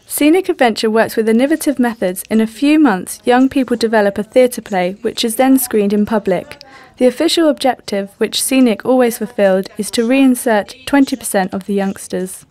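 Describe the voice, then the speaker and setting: A woman giving scripted documentary narration in an even, informative reading. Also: on the high side, moderate pace. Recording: faint music underneath.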